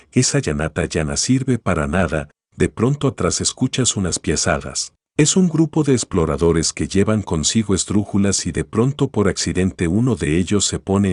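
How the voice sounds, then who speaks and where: Deep husky male teacher, dry sound. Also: no echo. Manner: calm, explanatory, guides listener through an imagined story. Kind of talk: spoken grammar lesson.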